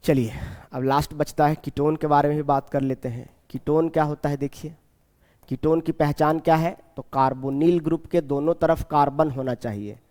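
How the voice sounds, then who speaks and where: A man teaching a chemistry class, repeating key terms slowly and asking his students questions as he goes. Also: a little high, fairly even intonation, a little mellow, in a large hall. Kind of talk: classroom lecture.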